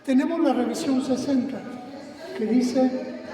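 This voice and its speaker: A man's voice: extremely high pitch, a little slow, crowd noise. A man preaching a teaching sermon, quizzing the congregation with questions. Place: church sanctuary. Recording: echoey hall, distant mic, congregation noise.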